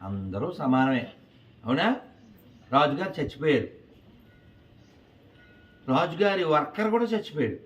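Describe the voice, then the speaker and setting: A man telling a lively moral story to schoolchildren in an animated, coaxing way, quizzing them as he goes. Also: a little high, measured pace, long pauses. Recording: distant, dull with faint noise.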